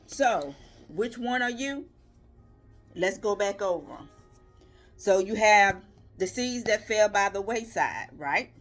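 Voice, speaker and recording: A woman delivering a devotional video sermon, earnest and emphatic, pressing her listener with repeated rhetorical questions and building rhythmic lists. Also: mid-range voice. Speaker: lay preacher.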